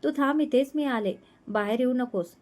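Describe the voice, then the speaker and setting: A woman's voice: high voice, normal speed, a little mellow, natural voice. A woman voicing a young bride-to-be, flustered and fondly scolding the man she is falling for.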